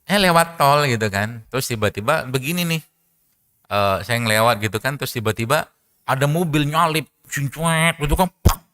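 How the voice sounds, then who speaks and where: A man with a mid-range voice gives a relaxed religious talk, moving through everyday anecdotes and advice. He tells stories lively, rising in excitement and laughing often as he goes. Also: mid-range voice, normal speed. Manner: storytelling, animated, laughs often. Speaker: preacher and doctor. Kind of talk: casual religious lecture.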